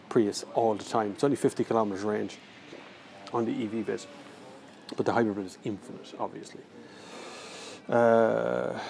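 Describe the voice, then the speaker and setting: Irish man, casual livestream chat, mid-pitched, frequent vocal fry, rambling and slangy, faint terminal noise. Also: darkish tone. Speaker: car reviewer livestreaming. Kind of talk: casual live chat, answering viewer questions. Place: large indoor airport terminal. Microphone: handheld phone.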